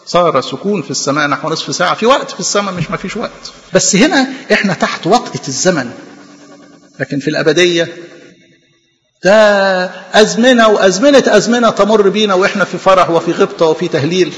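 A man with an Egyptian Arabic accent preaching a sermon, animated, throwing rhetorical questions to the congregation. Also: high-pitched, in a large hall.

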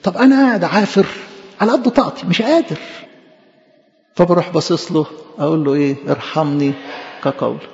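Egyptian guy giving a sermon, rapid and pleading, raised voice, dull lo-fi sound with long church echo. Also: sits high, big pitch swings, a little mellow. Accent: Egyptian Arabic. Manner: impassioned, pleading, repeating phrases for emphasis. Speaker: preacher. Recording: echoey hall, dull lo-fi sound.

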